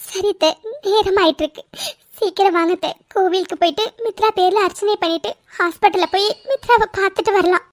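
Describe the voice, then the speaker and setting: A woman voicing a gentle, dutiful young daughter-in-law in a cartoon, soft and consoling. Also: very high voice, fairly even intonation, a little fast, no room sound, studio quality. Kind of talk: cartoon voice acting.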